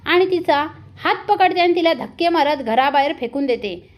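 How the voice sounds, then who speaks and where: A woman tells a serial's plot as a dramatic story recap. Her voice is high and her delivery steady and expressive. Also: normal speed.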